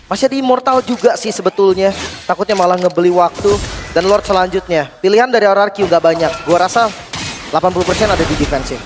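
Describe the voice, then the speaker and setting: High-voiced male esports co-commentator over music. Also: fast talker. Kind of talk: live match commentary. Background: game music.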